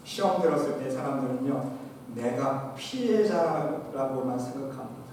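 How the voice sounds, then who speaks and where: Male pastor, preaching, emphatic swings from loud to soft, big reverberant church hall, faint room noise. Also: medium pitch, lively intonation, normal speed. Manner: emphatic preaching, swinging between loud exhortation and quiet asides; addresses the congregation often. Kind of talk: sermon. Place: church sanctuary. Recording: echoey church hall, preacher far from mic.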